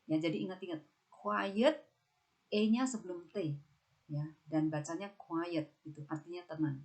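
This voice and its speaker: A woman's voice: lowish voice, warm tone. A young adult woman English teacher, explaining a lesson in a chatty, casual way, often adding "gitu ya". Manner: chatty, repeats "gitu ya" and "nah", stresses example words. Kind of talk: casual classroom lesson narration.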